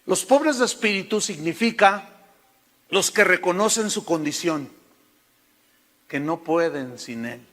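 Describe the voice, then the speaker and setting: High, bright Mexican-accented preacher. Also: male voice, lively intonation, a little slow, pauses often, big-room sound. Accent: Mexican Spanish. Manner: folksy storytelling, addresses listeners as hermano. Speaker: pastor. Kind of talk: sermon.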